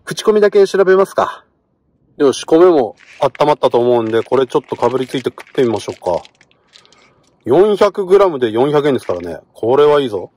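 A middle-aged man talking casually to the camera from inside a parked car, getting excited while he eats. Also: medium pitch, brisk. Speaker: vlogger. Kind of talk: casual car-camping vlog.

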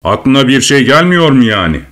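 A man's voice: mid-range voice, big pitch swings, normal speed. A man voicing a cruel, mocking drunken king who bullies and bellows. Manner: taunting, bullying, bursts into shouts.

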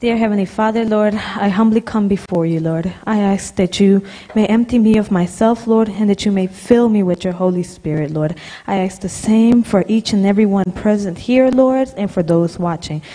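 A young woman from Honduras, preaching in a church hall and pausing after each phrase for an interpreter, speaking into a handheld microphone. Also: medium pitch, warm tone. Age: young adult. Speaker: guest preacher. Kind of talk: sermon with live interpretation.

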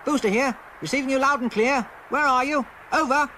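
Man playing a keen young boy inventor for a storybook tape, bright, high and brisk. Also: a little hiss or hum. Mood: eager. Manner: brisk radio-operator talk.

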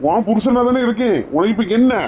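Quick scolding man, Kanyakumari accent. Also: very high-pitched, warm tone, slight background noise. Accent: Kanyakumari Tamil. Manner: scolding, quarrelsome. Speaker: comedy skit actor. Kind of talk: scripted comic skit, arguing husband.

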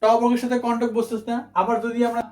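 A teacher works through spelling rules for exam students, repeating each point and answering their own questions. The voice sits at a middling pitch and rings in an echoey room. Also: monotone, fast talker, a little mellow. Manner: mixes English words into the talk. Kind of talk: admission exam spelling lesson.

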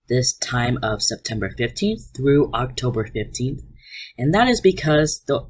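A man's voice: medium pitch, a little mellow, slightly rough. A man teaching an online art class, explaining slides to his students in an upbeat way. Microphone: voice-over on slides.

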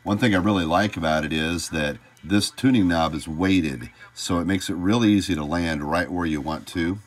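Working at a home electronics workbench, an American man speaks at a moderate pace in a low-pitched voice. He explains his informal tutorial step by step, keeping it plain and folksy.

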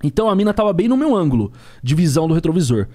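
Fast, lively São street-talking man. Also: on the high side. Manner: slangy and street-talking, acts out dialogue. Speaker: ride-share driver and podcast guest. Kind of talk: storytelling in a podcast chat.

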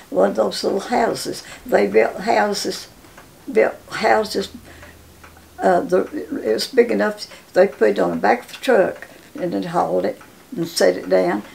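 Very creaky woman in her nineties, Appalachian accent. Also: mid-range voice, fairly even intonation, a little mellow. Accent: Southern Appalachian. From Appalachia, southern United States. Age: 90s. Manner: halting, folksy storytelling with repeated words. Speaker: interviewee telling life story. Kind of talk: casual reminiscing. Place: home living room, indoors. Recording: faint background room noise.

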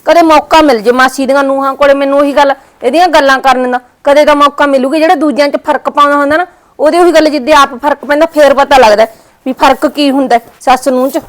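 A gossipy, resentful young wife, played by a woman in a homemade family drama. She grumbles in a high voice at a quick pace. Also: steady tone, natural voice. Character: scheming young wife, grudging daughter-in-law.

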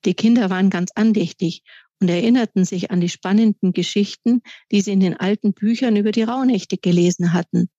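A woman author reading aloud from her children's book in calm, measured storytelling. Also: mid-range voice, no echo. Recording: dry, slightly dull recording.

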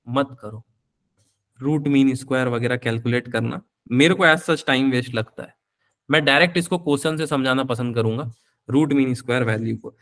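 A man's voice: medium pitch, a bit bright. A young man teaching a physics class live online, chatty, calling his students beta and answering their questions.

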